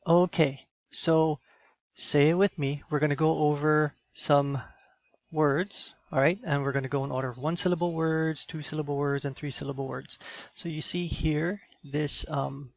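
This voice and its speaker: A man teaching in a screencast lesson, explaining patiently with many fillers and quick check-ins. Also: fairly high pitch, fairly even intonation, vocal fry, no echo, highs cut off.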